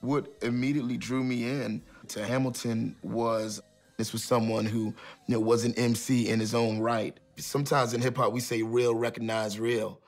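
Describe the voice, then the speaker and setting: A hip-hop musician speaking in a documentary interview in a measured, deliberate way. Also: male voice, mid-range voice, little pitch movement, faint music behind.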